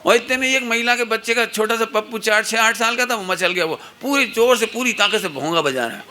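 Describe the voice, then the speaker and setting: A man's voice: high voice, fairly quick, sharp tone, a little hiss or hum. A middle-aged man giving a satsang talk to children and parents, telling anecdotes and playfully acting out the people in them. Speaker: religious teacher.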